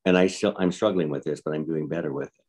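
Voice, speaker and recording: Guest, man in his 70s, extremely low, husky voice, earnest and reflective. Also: fast talker, darkish tone. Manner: earnest, reflective, repeats words for emphasis. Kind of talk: personal interview.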